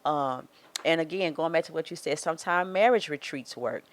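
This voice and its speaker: A woman's voice: sits low, moderate pace. A woman in her forties with a Southern US accent, a marriage coach giving earnest advice in a casual podcast chat. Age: 40s. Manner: earnest, advising, acts out quoted thoughts. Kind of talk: casual faith-based podcast talk.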